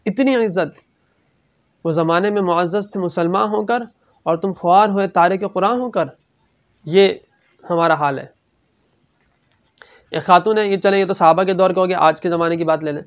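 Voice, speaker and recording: A man's voice: sits high, long pauses, highs cut off. Man giving a storytelling religious talk. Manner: storytelling, acts out quoted voices, drops to hushed tones. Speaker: Islamic speaker. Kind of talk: Urdu religious lecture with Quran recitation.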